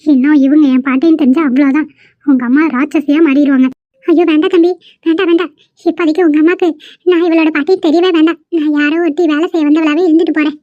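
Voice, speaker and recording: A woman's voice: sits high, fairly even intonation, fast, mellow, no echo, lightly acted. A woman voicing a tearful elderly grandmother in a cartoon, pleading and worried. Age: older. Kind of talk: cartoon voice acting. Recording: muffled lo-fi recording.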